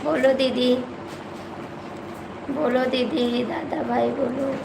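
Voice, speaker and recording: A woman with an Awadhi accent hosting a live stream, pleading again and again with her viewers to calm down. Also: high-pitched, takes it slowly, gravelly. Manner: pleading, repeatedly calming viewers. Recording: echoey room with background noise.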